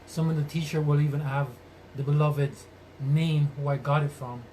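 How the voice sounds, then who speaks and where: Walking around while live streaming, away from his microphone, the host greets his community with blessings in Rasta-style speech and repeats phrases to stress them. The voice is a little high, steady, darkish and moderately paced, and the audio comes through noisy and distant.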